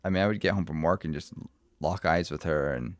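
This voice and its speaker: A man co-hosting a podcast in casual chat, teasing his partner with deadpan banter. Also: sits low, fairly quick, no echo, clean studio sound. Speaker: podcast co-host.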